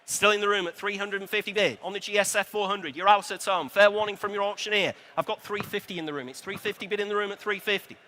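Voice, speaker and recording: A man with a British accent working as an auctioneer, calling a live sale in a brisk chant of repeated bids. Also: high-pitched, bright, forceful tone.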